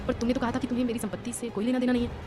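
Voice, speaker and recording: A woman's voice: on the high side, flat delivery, racing, dark tone, soft background music, natural voice. A woman voicing an indulgent older man who dotes on his adopted daughter in a storybook reading. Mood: doting. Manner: indulgent, eager to please. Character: older doting father figure, man.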